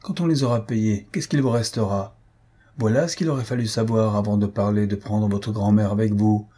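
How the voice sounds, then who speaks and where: A man's voice: on the low side, fairly even intonation, normal speed, mellow, husky. A man reading an audiobook, voicing a stern, practical middle-aged aunt who lectures bluntly, raised well above his own voice. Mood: scolding. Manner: lecturing, firm and cutting.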